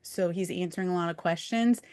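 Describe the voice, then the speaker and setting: A woman with a lowish voice leads an online webinar from her computer mic. Her tone is smooth and clear, and she explains things steadily with the odd "um" or "like". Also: a little fast. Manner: steady explanatory delivery with occasional fillers. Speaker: webinar presenter on credit.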